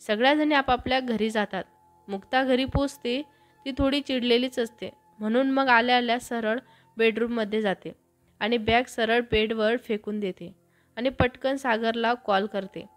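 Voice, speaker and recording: A woman narrates a romantic story at a steady, even pace, reading it aloud like a storybook. Her voice sits fairly high, and soft music plays faintly underneath. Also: moderate pace. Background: faint background music.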